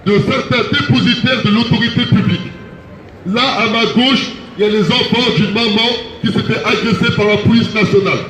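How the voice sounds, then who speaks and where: High-voiced man giving a fiery street speech. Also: moderate pace. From France. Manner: insistent, repeats each key phrase. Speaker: activist speaking at a protest. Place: outdoors on a city street. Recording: echoey street with loud background noise.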